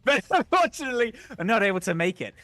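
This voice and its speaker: A man narrating as game master in a tabletop game stream, animated and laughing as he goes. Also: high voice, fast, dry recording. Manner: animated, laughing, restarts often.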